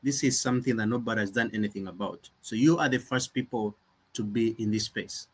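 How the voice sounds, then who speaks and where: A young Ugandan man who founded a nonprofit speaks earnestly and reflectively in a conversational interview, frequently restarting his sentences. His voice is husky, fairly low and a little fast.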